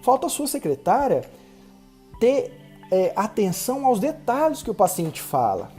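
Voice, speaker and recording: Man from brazil, solo podcast host, rapid instructive delivery, dark mellow tone, faint music underneath. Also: high-pitched, sing-song. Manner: fast-talking, instructive, addresses listener directly.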